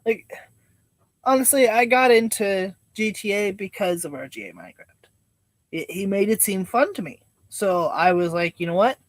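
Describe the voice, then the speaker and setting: A man's voice: high voice, animated, moderate pace, no echo. A man with a laid-back, meandering stoner drawl, chatting casually and rambling like a live streamer. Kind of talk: casual rambling livestream chat.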